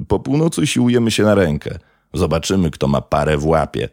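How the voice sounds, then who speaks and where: Guy putting on a drunk local thug, young, crude and taunting, gravelly low voice. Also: sing-song, a little fast, darkish tone, dry recording, studio quality. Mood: swaggering.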